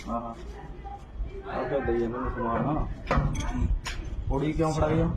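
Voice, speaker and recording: A man's voice: mid-range voice, unhurried, far from the mic. A man confronting and lecturing someone on the street, scolding and repeating his demands. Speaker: activist confronting a drug seller. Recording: echoey, dull, noisy phone video.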